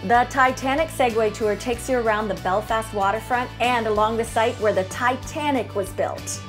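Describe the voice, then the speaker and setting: A woman's voice: on the high side, moderate pace. A middle-aged woman hosting a travel vlog, narrating the sights in an upbeat, descriptive way. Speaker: travel vlogger host. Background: background music.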